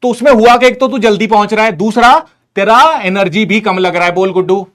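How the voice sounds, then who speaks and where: A man's voice: high voice, brisk, a bit bright. A man teaching chemistry in a casual live online class. He is chatty and teasing, calls his students buddies, and explains with everyday stories.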